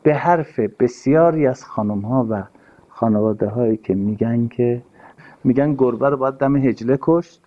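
A man giving an earnest, sermon-style talk, stressing his points and repeating key phrases. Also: mid-range voice. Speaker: religious speaker. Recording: dull lo-fi recording.

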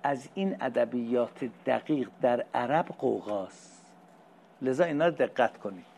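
A middle-aged male religious teacher who reads Arabic phrases slowly and then explains them in casual conversational speech. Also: mid-range voice, creaky, darkish tone. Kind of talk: lecture explaining Arabic hadith text.

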